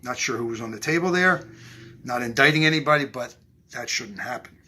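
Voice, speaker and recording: A man's voice: medium pitch, fairly quick, sharp tone, breathy edge. An older man, a former referee, hosting a replay show and recapping game stats in a matter-of-fact way with many fillers.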